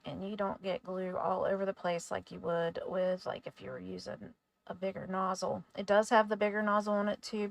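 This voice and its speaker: A woman hosting a craft tutorial in a casual voice-over, chatty and relaxed, sometimes stumbling over her words. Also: mid-range voice, vocal fry.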